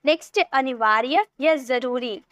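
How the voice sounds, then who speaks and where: Indian woman, English teacher, high voice, dry close sound, slow careful repetition. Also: fairly bright tone, no echo. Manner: repeats each word slowly, drawn-out English examples. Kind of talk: vocabulary lesson.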